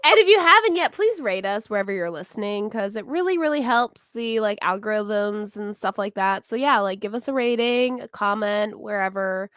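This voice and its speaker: A woman co-hosting a casual podcast, talking informally with vocal fry and lots of "like" and "um". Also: medium pitch, lively intonation, moderate pace, few pauses, fairly bright tone, dry recording, studio quality. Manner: informal, frequent "like" and "um". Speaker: podcast co-host.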